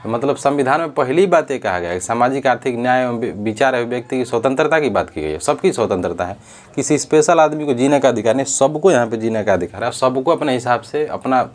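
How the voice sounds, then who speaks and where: A man's voice: medium pitch, lively intonation, fast talker. A man giving earnest spoken commentary on a social issue, often restarting and correcting himself as he talks. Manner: earnest, repetitive, with frequent self-corrections.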